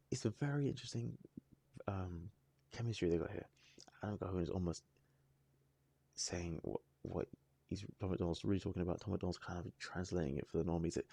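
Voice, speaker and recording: Low gravelly-voiced man musing aloud. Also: dark tone, no room sound. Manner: rambling, halting, thinking aloud with many restarts. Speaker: music reaction channel host. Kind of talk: casual reaction commentary.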